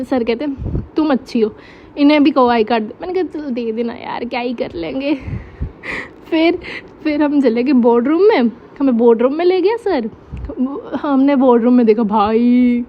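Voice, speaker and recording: Chatty high-voiced young woman. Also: dull audio, slight background noise. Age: young adult. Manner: chatty, animated, acts out dialogue. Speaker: college student storyteller. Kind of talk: casual storytime.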